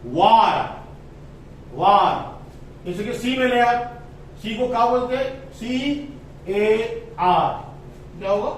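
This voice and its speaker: A man teaching English phonics in a lesson, spelling out letters slowly and stressing the vowel sounds. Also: very high-pitched, slight background noise. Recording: echoey room, voice from a distance, faint ambience.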